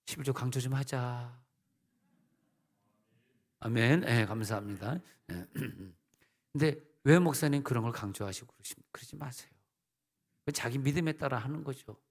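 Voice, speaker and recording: A man's voice: medium pitch, normal speed, long pauses. A middle-aged male senior pastor preaching a sermon, with emphatic rises and conversational asides. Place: church sanctuary. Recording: long church hall reverb.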